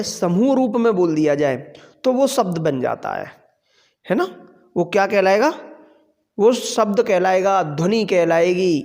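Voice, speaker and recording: Slowly working through a grammar lesson, this high-voiced Sanskrit teacher asks the class questions and then supplies the answers himself. His lecture carries a long, lingering reverb, like the sound of a large hall.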